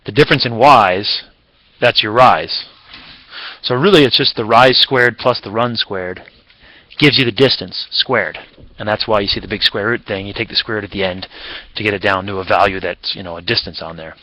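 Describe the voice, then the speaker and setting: A man's voice: lowish voice, moderate pace, bright, forceful tone, low-quality recording. A man teaching a recorded math lesson in a casual, chatty way, with fillers and self-corrections.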